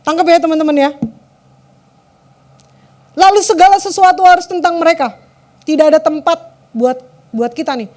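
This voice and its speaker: Brief: woman youth preacher, high bright pitch, chatty and direct with the crowd. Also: moderate pace, long pauses. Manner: conversational, keeps addressing the audience, lets phrase ends drop low and soft. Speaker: youth service speaker. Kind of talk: sermon.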